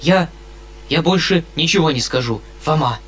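A man's voice: a little high, expressive, normal speed, fairly bright tone. Male reader doing an overwrought, big-hearted colonel. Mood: fervent. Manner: fervent, overwrought. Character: emotional, good-hearted middle-aged colonel.

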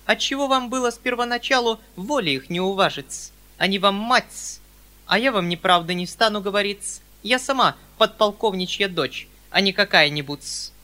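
A man's voice: high voice, normal speed, sharp tone, voice pushed up. A man voicing a prim, self-important spinster companion who reproaches with fussy deferential endings. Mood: reproachful.

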